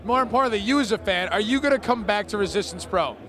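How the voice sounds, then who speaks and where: A man's voice: sits high, animated, fast talker, a bit bright. A man chatting casually and enthusiastically in an interview as a wrestling ring announcer. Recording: outdoor urban crowd and traffic noise.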